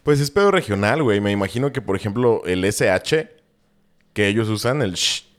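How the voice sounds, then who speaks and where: A man's voice: on the low side, lively intonation, normal speed. A young man with a Jalisco Mexican accent chatting casually as a podcast co-host, slangy and swearing freely while he rambles through explanations. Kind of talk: casual chat.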